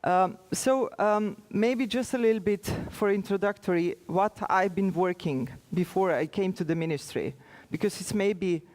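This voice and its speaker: A native Slovenian woman, speaking with a Slovenian accent, gives an informal conference presentation in her role as an official. Her delivery is hesitant and halting, broken by many pauses. Her voice is medium-pitched and a little mellow.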